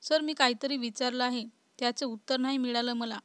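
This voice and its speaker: A woman voicing a lively, outspoken young woman in a story, close to her own reading voice. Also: fairly high pitch, brisk, clean tone, dry recording, close to an everyday voice. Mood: insistent.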